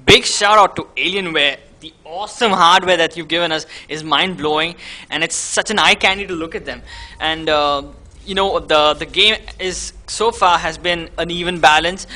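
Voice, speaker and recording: A man from India co-casts a live esports match in a bright, fairly high voice. He rambles in a loose, conversational way and often breaks off mid-sentence. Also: normal speed. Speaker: guest esports caster.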